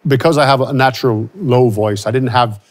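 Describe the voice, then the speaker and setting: Mid-range and fairly quick, this man is a Louisiana country singer in his forties. Recorded with a lapel mic on a studio set framed by a starry backdrop, he answers reflectively during the interview, frequently breaking off and restarting.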